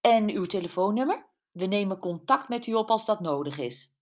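A woman's voice: mid-range voice, animated, normal speed, natural voice. A brusque, dismissive male police officer in an audiobook, read by a woman. He speaks formally and cuts things short. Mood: curt.

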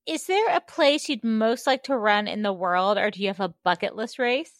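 A woman's voice: medium pitch, moderate pace, no echo, studio quality. A woman co-hosting a casual podcast, bubbly and laughing a lot. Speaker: podcast co-host. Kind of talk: casual chat.

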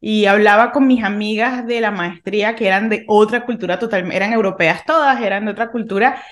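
A woman's voice: mid-range voice, fairly quick. A woman in her thirties from Venezuela, talking through a faith topic in a reflective way, often restarting her sentences. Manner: reflective, thinking aloud with many restarts. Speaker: podcast co-host. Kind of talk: casual faith discussion.

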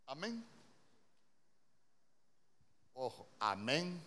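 A man's voice: mid-range voice, very animated, extremely slow, pushed and bright. A male preacher with a Honduran accent, giving a conversational sermon and often asking his congregation questions. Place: church.

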